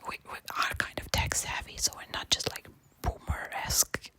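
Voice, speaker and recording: Quiet late-night whispering woman, ASMR storytime. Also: normal speed. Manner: sweary, colloquial, exasperated storytelling. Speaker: storyteller sharing a personal anecdote.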